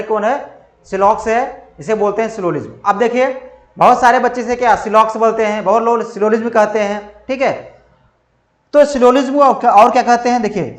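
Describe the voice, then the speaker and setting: A man teaching reasoning for competitive exams, asking questions and answering them himself, over and over for emphasis. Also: sits high. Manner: drills by asking and answering his own questions; repetitive, emphatic. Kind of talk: exam-prep lecture. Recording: echoey room.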